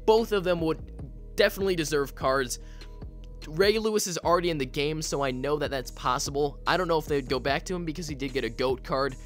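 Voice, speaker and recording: A man with a fairly high-pitched voice talks through his opinions as a gaming video host. His commentary is casual and conversational, as if thinking aloud. Music plays behind his voice. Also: fairly bright tone.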